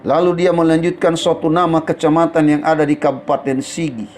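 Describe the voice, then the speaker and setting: High-voiced man preaching over soft guitar. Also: little pitch movement, fairly quick. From Central Sulawesi. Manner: storytelling, addresses listeners as brothers and sisters. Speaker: preacher on a morning devotional radio program. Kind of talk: radio sermon.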